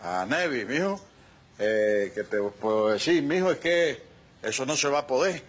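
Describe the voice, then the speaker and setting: Pedro Miguel Morales, a smooth-talking patriarch. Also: male voice, medium pitch, expressive, a little slow. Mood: evasive. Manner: smooth-talking, coaxing, evasive. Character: sly, boastful family patriarch. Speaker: father. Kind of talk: telenovela acting.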